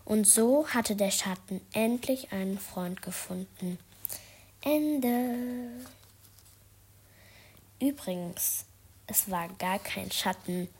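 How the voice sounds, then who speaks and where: A woman narrating a children's story for her podcast in a soft, half-whispered way. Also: mid-range voice, gravelly, husky.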